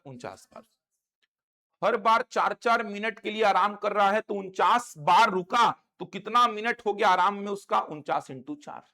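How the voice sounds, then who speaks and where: A man's voice: sits high, pushed and bright. A man teaching a maths class in a classroom, asking students questions and repeating each step, with a Chhattisgarhi Hindi accent. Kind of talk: classroom lecture.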